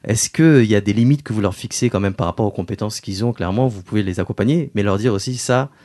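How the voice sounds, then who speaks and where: A man's voice: fairly low pitch, fast talker, mellow. A man interviewing a guest, asking long, winding questions full of fillers.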